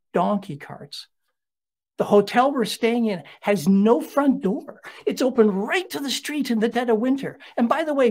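A middle-aged man delivers a keynote talk in a husky, slightly breathy voice. He tells stories in a lively, conversational way, dropping in asides as he goes. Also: high-pitched. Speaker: keynote speaker.

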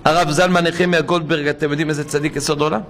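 High, bright-voiced rabbi preaching dramatically. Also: male voice, flat delivery, a little hiss or hum. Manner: dramatic storytelling, rising to emotional shouts. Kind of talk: sermon. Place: synagogue.

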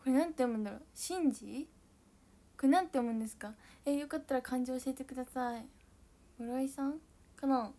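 A young woman with a high, bright voice and a chats casually with viewers on her livestream. She is bubbly and giggly, and she talks loudly. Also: a little fast. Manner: giggly, bubbly, frequent laughter; self-describedly loud voice. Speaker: idol livestreamer. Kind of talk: casual chat reading viewer comments.

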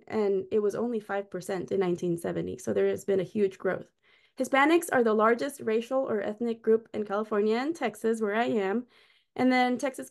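Through a video-call webcam in a small room, a middle-aged Costa Rican woman delivers a friendly, explanatory lecture with slides. Her voice is medium-pitched with some vocal fry.

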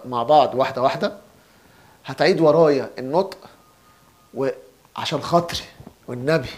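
A young man with an Egyptian Arabic accent teaching Italian in a casual lesson, repeating each word slowly and clearly for learners. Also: fairly high pitch. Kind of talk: casual spoken language lesson.

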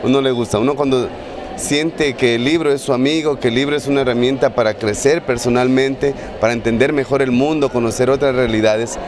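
A man, giving a formal, halting interview answer as an official. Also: mid-range voice, steady tone, a crowd in the background. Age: 40s. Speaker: culture ministry official. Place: large hall full of students. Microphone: handheld reporter's microphone. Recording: noisy hall ambience behind.

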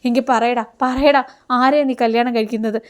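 A woman's voice: fairly high pitch, steady tone, brisk, clean tone, natural voice. A woman voicing a proud, status-minded middle-aged mother who scolds her son in a retold serial scene. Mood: scolding.

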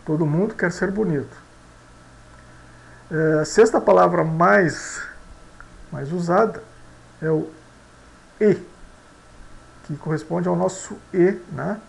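A language teacher talks through a vocabulary lesson at an unhurried, careful pace. The voice has a gravelly, creaky edge. Each word is said twice, and most phrases close with a small tag question. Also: medium pitch, poor audio. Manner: slow and deliberate, repeats words and asks a tag question after most phrases.

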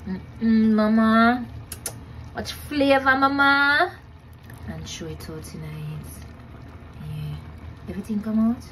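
A woman's voice: mid-range voice, background noise. Chatty Jamaican woman cooking at home. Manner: chatty, laughs at herself, repeats phrases. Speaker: cooking vlogger. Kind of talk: casual cook-along chat. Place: home kitchen, indoors.

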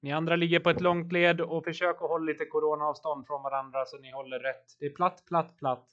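A man's voice: on the high side, little pitch movement, fairly bright tone, highs cut off. Upbeat man coaching a race team. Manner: encouraging, calls out watts and turns. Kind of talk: live race coaching over voice chat.

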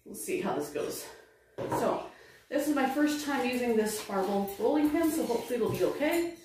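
A woman's voice: on the high side, animated, normal speed. A middle-aged woman chatting casually to her viewers as she does chores at home, thinking aloud as she works. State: winded after a workout. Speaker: home vlogger. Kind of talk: casual running commentary. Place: home kitchen and dining room. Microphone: phone camera set across the room. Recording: roomy, distant phone audio with background noise.

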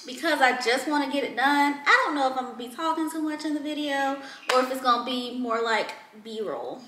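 A woman's voice: high voice, slight background noise. A young woman vlogging at home, chatting casually to her viewers about cleaning. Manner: chatty, relaxed, addresses viewers as y'all. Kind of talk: casual clean-with-me vlog chat. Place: home kitchen and living room, indoors. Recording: echoey room.

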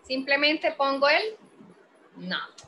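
A Colombian woman teaching an English grammar class, explaining slowly and patiently while questioning her students. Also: sits high, big pitch swings, bright, forceful tone, a little hiss or hum, poor audio. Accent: Colombian Spanish.

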